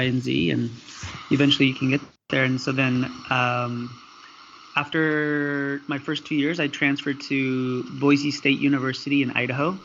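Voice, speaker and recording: A man from the Seattle area, a guest on a podcast, recounting his career path in an even way with hesitant fillers. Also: mid-range voice, gravelly, muffled recording, slight background noise. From Seattle area, USA. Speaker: podcast guest, student affairs professional. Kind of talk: interview answers.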